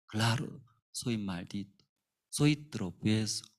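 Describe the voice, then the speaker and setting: A man voicing a despairing, guilt-ridden betrayer who speaks low and slow, condemning himself. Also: expressive.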